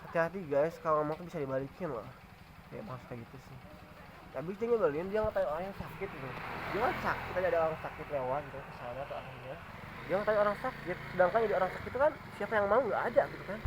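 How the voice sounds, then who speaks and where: A man's voice: on the high side, lively intonation, racing. A man chatting casually on a live stream, lecturing his viewers in a preachy, scolding way. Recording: noisy background.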